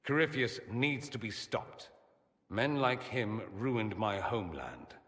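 This flamboyant young mage nobleman companion from a video game has a lowish voice, a slow pace, and a dry, heavily acted style. Witty, vain, and charming, he's lively and teasing, swooping through each line with arch irony and theatrical flair while a long reverb follows his voice.

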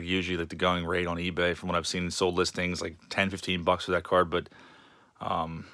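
Low-voiced casual man showing cards. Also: no room sound, clean studio sound. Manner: relaxed, rambling, many fillers. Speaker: card collector vlogger. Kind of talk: casual show-and-tell narration.

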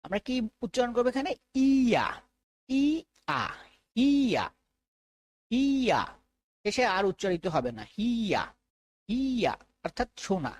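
A woman with a Bangladeshi accent teaching a phonics lesson, slowly repeating each sound and correcting common mistakes. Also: medium pitch, darkish tone, dry recording. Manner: slow drilled repetition of sounds.

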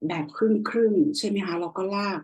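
A young woman tutoring a language lesson over a screen share, explaining slowly and often checking in with her listener. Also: medium pitch, a little mellow, husky, poor audio. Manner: slow, explanatory, frequent checking questions.

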